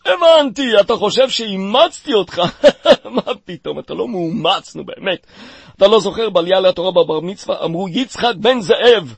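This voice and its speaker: A man's voice: high-pitched, gravelly, husky, no room sound, full character voice. A man playing a doting, insistent father. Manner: animated, teasing and insistent. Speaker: father figure in a comedy sketch. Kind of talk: comedy sketch acting.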